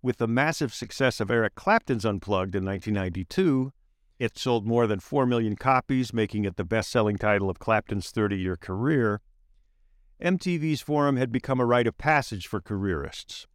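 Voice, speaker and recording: A man reading aloud his own essay in a measured, wry narration with slowed emphatic phrases. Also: fairly low pitch, dry recording, studio quality.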